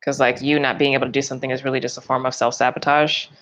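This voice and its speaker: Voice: medium pitch, little pitch movement, very fast, a bit bright. A tarot reader giving a loose, chatty forecast, full of fillers and restarts and yawning often.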